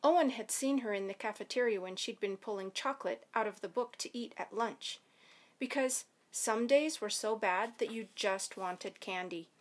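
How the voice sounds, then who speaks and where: A woman elementary school teacher reading a children's novel aloud to her students in a lively, expressive storytelling way. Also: medium pitch, normal speed.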